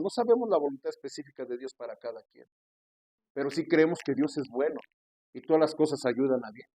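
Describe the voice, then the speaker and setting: A male pastor delivers an earnest sermon, calling his listeners brother as he preaches. His voice sits a little on the high side. The sound is close and dry, with no room around it. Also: dark tone, no room sound.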